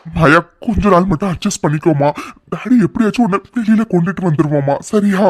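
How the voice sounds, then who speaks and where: A man's voice: high-pitched, fast talker, darkish tone. A man voicing a doting, indulgent father. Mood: soothing. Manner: soothing, then demanding. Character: indulgent wealthy father, middle-aged. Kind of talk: cartoon voice acting.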